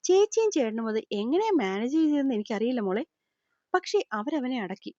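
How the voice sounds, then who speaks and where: A woman voicing an older man, a gentle worried father figure, softly consoling and explaining in an audio storybook. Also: a little high, big pitch swings, brisk, dry recording. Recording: slightly dull lo-fi recording.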